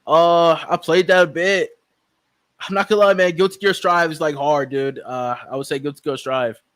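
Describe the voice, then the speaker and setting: A man's voice: a little high, steady tone, moderate pace, fairly bright tone. A man debating casually in an informal, slangy way.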